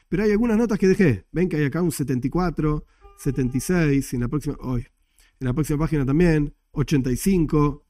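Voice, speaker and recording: A man's voice: on the high side, warm tone, dry recording, studio quality. A man teaching a religious study class from slides, explaining emphatically and asking rhetorical questions.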